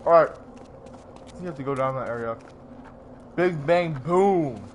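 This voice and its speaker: A man's voice: on the high side, a little slow, a little hiss or hum. A young man chatting casually as he co-commentates a video game. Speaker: let's play co-commentator. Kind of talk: casual gameplay chat. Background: video game music and sounds.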